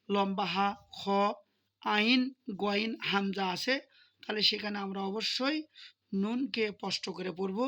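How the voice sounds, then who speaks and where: A man teaching Quran recitation rules step by step. He spells words out slowly, syllable by syllable, in a repetitive chant-like drill, with patient explaining between the drills. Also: high-pitched, bright, forceful tone. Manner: patient, repetitive explaining with frequent appeals to share.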